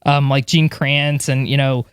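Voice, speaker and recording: A woman's voice: rumbling low, little pitch movement, a little slow, smooth, no echo, studio quality. A woman co-hosting a podcast, chatting animatedly about space history with lots of fillers. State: moved, a little emotional. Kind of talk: casual chat.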